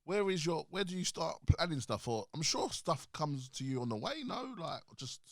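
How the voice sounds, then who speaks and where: Lively joking male podcast host. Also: a little high, dry recording, studio quality. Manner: banters and cracks quick jokes between short backchannels. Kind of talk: casual podcast chat. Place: podcast studio.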